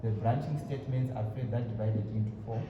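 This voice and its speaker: A man's voice: medium pitch, fairly even intonation, fairly quick, highs cut off. Man lecturing in an echoey room. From Zimbabwe. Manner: repetitive, asks rhetorical fill-in questions. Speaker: programming lecturer. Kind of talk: classroom lecture. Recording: echoey room, distant mic, noisy.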